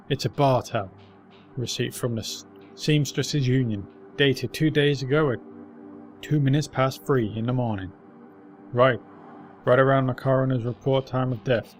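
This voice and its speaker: A man hosting a let's play, commenting casually and reading the game's text aloud. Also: mid-range voice.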